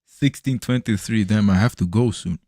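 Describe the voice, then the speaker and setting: A young futures trader on a live stream talks casually through his trades, loose and chatty, swearing, laughing and calling his viewers bro. Born to Serbian parents, he grew up elsewhere in Europe. His voice is fairly low and mellow at a normal speed, recorded in studio quality with no room sound.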